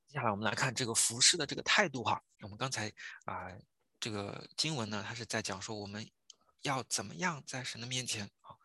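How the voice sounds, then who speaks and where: A man preaching a sermon in an earnest way, often pausing on filler sounds and repeating phrases as he tells a testimony. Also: lowish voice, pushed and bright, breathy edge, dry recording. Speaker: pastor.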